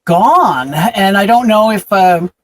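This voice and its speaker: A woman's voice: medium pitch, lively intonation, slow pace, slight background noise, rough recording. A woman hosting a casual chat, speaking hesitantly with many fillers and a self-deprecating tone.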